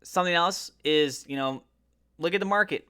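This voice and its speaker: A man hosts a finance and crypto video, giving casual market commentary to viewers in an emphatic, colloquial style full of pointed rhetorical questions. His fairly high voice is pushed and bright, clear and resonant, at a moderate pace.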